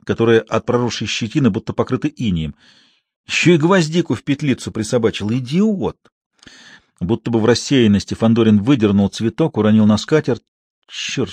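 A man's voice: mid-range voice, a little mellow, husky, no room sound. A man reading an audiobook who voices a reserved middle-aged detective, clipped, dry and sour. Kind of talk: audiobook character voice.

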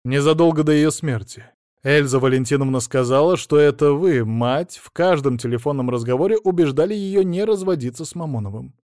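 Man voicing detective, firm, persistent, matter-of-fact, slightly high voice, dry sound. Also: a little fast, darkish tone, dry recording, lightly acted. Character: firm male police detective, adult.

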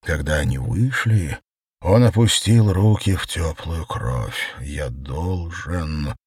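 Deep husky male audiobook narrator. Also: big pitch swings, slow pace, a little mellow, dry recording, studio quality. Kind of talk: audiobook reading of surreal prose.

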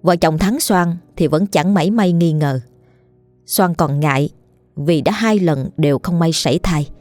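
Low-voiced woman telling a ghost story. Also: a little slow, soft background music. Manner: steady, storytelling. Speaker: narrator. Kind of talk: scripted ghost-story narration.

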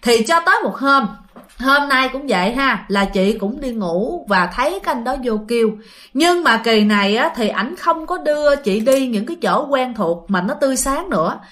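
Telling a ghost story in a relaxed, chatty manner, a Southern Vietnamese woman keeps turning directly to her audience. She speaks at a normal pace in a high, bright voice whose pitch swings lively.

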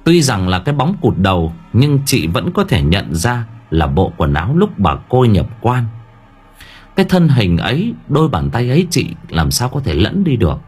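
A man's voice: fairly low pitch, huge pitch swings, normal speed, a little mellow, husky. A man narrating a horror story in a dramatic storytelling manner. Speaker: audiobook narrator. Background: faint background music.

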